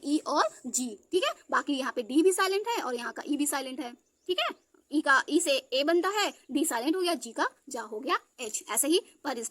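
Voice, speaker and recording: A woman's voice: high voice, fairly bright tone, no echo. A woman teacher giving a spelling lesson. She spells words out letter by letter and keeps checking that her students follow. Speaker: English teacher.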